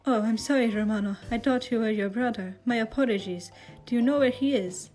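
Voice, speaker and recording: A woman's voice: on the high side, a little fast, darkish tone, faint music behind, natural voice. A woman reading a fanfic aloud, voicing a polite, formal young man who apologizes courteously.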